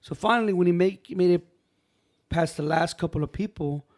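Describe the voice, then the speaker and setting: A man telling a personal story on a podcast in loose, casual speech, with a voice pitched a bit higher than most men's. He keeps it animated, playing out what other people said and calling his listener "bro" and "man.". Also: normal speed. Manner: animated, acts out quoted voices, says "bro" and "man" often.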